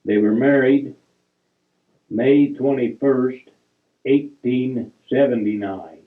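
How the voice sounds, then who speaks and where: An older man slowly reminiscing over old family photos, reading out names and dates in halting fragments and correcting himself as he goes. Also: medium pitch. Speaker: family storyteller. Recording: tinny, phone-like recording.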